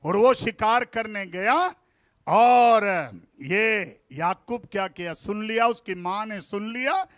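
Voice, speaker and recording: A man's voice: sits high, slow, fairly bright tone, no echo, clean studio sound. A man from India preaching a fervent sermon in church, calling on the congregation to repeat phrases back to him and dropping "Praise the Lord" between his points. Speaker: pastor.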